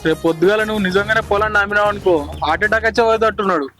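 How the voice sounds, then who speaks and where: A man's voice: sits high, very fast, sharp tone, faint music behind. A man playing a worried Telangana friend. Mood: urging. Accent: Telangana Telugu. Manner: pleading, cautioning. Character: worried friend urging calm. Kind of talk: village short film acting.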